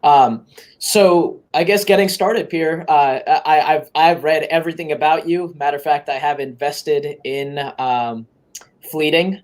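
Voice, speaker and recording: A man hosting a podcast interview, speaking casually and haltingly as he sets up questions. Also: a little high, steady tone, darkish tone. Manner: casual, halting with fillers and restarts. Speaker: podcast host.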